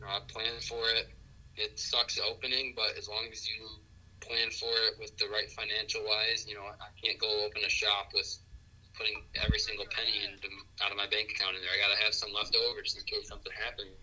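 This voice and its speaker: A man in his late teens answers interview questions plainly. His voice sits low but has a very sharp, bright edge, and his delivery is matter-of-fact. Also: little pitch movement, brisk, a little hiss or hum, poor audio. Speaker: guest, young shop owner.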